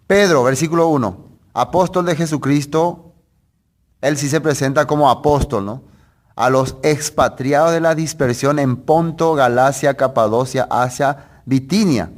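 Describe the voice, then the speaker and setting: A man's voice: mid-range voice, unhurried. A man preaching a sermon that teaches through a Bible passage in a conversational way. He asks rhetorical questions and corrects himself as he goes.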